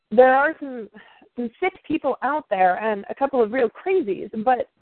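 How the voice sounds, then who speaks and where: A woman's voice: a little high, no echo, natural voice. A woman voicing a flustered young writer who speaks hesitantly and with sarcasm. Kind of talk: audio drama acting. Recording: dry tinny phone-like sound.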